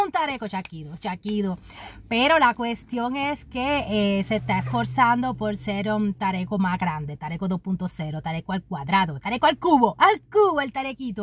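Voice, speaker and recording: A woman's voice: mid-range voice, no room sound. A Cuban woman making sarcastic comic commentary, mocking, laughing between phrases and repeating words for effect. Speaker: vlogger.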